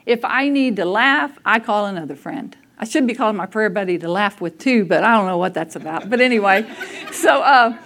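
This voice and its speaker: A woman's voice: medium pitch, animated, brisk, fairly bright tone. A woman preaching a conversational sermon, telling personal stories candidly and laughing at herself. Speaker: speaker at a church service.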